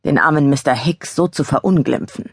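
A woman's voice: deep voice, brisk, gravelly, breathy edge, no echo, clean studio sound, full character voice. A woman doing a camp, teasing male gallery colleague. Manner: theatrical, mocking, laughing.

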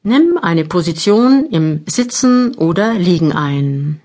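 A woman narrating a guided meditation audiobook, giving measured instructions with long pauses. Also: lowish voice, sing-song, dark tone. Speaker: mental training narrator. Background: new-age music.

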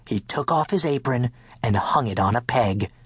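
A man narrating a children's picture book in first person as a dog, playful and expressive. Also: mid-range voice, normal speed, slightly rough, no room sound. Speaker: audiobook narrator.

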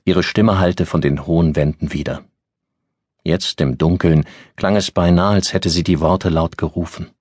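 A man narrates an audiobook in a calm, measured way, with a very deep and husky voice. The sound is close and completely dry, with no room around it. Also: no echo.

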